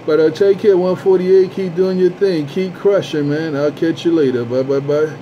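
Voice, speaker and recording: A man's voice: a little high, moderate pace. A man chatting over a CB radio, repeating his call-outs and drawling his sign-offs. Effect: CB radio transmission. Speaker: CB radio operator. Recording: dull lo-fi radio with static hiss.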